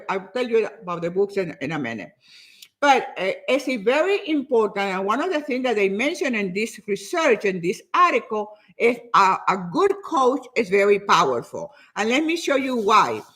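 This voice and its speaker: A woman in her seventies, a Spanish speaker by first language, chatting casually with her viewers about fitness, often repeating words as she goes. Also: medium pitch. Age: 70s. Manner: lively, repeats herself, says she talks fast.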